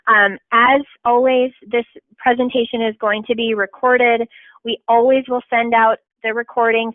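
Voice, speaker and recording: A woman attorney presenting a legal webinar in a chatty, quick way with frequent ums. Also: a little high, dry recording. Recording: tinny phone-like line.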